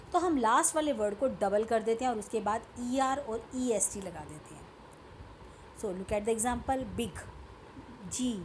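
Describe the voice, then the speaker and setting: A woman with an Indian English accent teaches a grammar lesson in a slightly high voice, moving slowly and deliberately. She mixes Hindi and English and keeps stopping to check that her students have followed. A faint background noise sits under the recording. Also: a little mellow.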